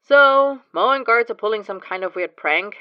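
A woman voicing a blunt young man, loud and incredulous, in a fan story read aloud. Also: a little high, expressive, normal speed, dry recording, highs cut off, pitched above the performer's own voice, lightly acted.

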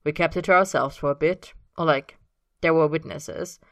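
A calm, affectionate young husband who speaks simply and without fuss, as a woman reader plays him. The voice sits low and clear, with no room sound at all. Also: normal speed, dry recording, clean studio sound. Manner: matter-of-fact and low-key.

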